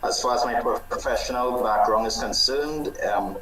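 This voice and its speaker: A man's voice: medium pitch, moderate pace, echoey room, crowd noise, low-quality recording. A man from Trinidad, born in the US, introducing himself as a panel guest over a video call, hesitant and correcting himself as he goes. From born in the US, grew up in Trinidad. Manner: hesitant, starts with "well" and self-corrections. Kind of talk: self-introduction in a panel discussion.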